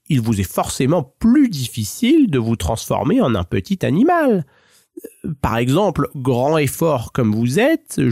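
A man voicing a sly male talking cat in a storybook who speaks in a courtly, flattering way. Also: a little high, no room sound, studio quality, pitched above the performer's own voice, heavily acted.

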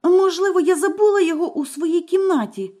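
A woman's voice: extremely high pitch, lively intonation, moderate pace, warm tone, voice pushed up. A woman voicing a terrified young wife who pleads through tears in a fairy tale. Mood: frightened. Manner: trembling, pleading, tearful. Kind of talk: storybook character voice.

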